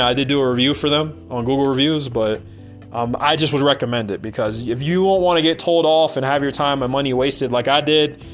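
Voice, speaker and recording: A man's voice: mid-range voice, fairly bright tone. A man from the United States hosting a podcast, talking in a blunt, rambling casual monologue and swearing freely. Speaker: podcast host.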